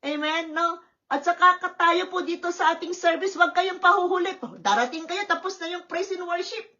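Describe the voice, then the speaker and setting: High bright-voiced woman pastor. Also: moderate pace, lo-fi sound. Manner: lively, questioning the congregation with tag words. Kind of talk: sermon. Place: church service.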